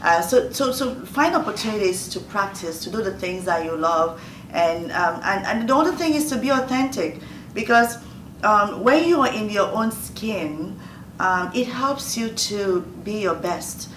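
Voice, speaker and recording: A Nigerian woman in her fifties, with a Nigerian accent, answers questions in a motivational Q&A, giving earnest advice and repeating phrases for emphasis. Her medium-pitched, fairly bright voice has lively intonation and a slightly slow pace, heard through a roomy distant mic with faint noise.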